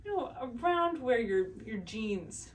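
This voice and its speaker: Calm woman voice teacher talking you through breathing, real slow, bit far from the mic w faint hiss behind. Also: on the high side. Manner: calm, slow, soothing instruction. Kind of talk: guided breathing exercise.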